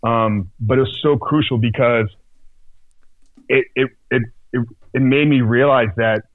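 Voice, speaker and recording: Male guest, mid-range voice, halting storyteller with many restarts; dry, phone-like sound. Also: mid-range voice, steady tone, no echo. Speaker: podcast guest. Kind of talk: casual personal storytelling.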